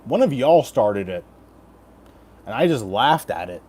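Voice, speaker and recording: A man's voice: medium pitch, big pitch swings, measured pace, darkish tone, slightly rough. A man hosting a casual livestream, talking in crude, profane frat-bro slang as he banters with chat. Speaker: livestream host giving fight predictions.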